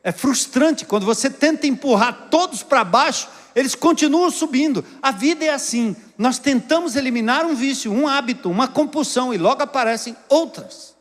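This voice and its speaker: A man, a pastor with a Brazilian Portuguese accent, preaching a sermon with rhetorical questions and sharp swings between raised and hushed delivery. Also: very high voice, lively intonation, moderate pace, hardly any pauses. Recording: long reverb of a church hall.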